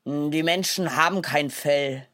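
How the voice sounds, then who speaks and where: Woman doing a gruff father wolf. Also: deep voice, slow, a bit bright, no echo, studio quality. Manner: gruff and curt.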